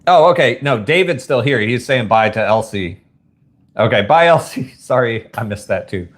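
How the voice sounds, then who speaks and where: Speaking at normal speed with a medium-pitched, expressive voice, this livestream host chats from home in a Southern US accent. He rambles folksily, using words like y'all and ain't.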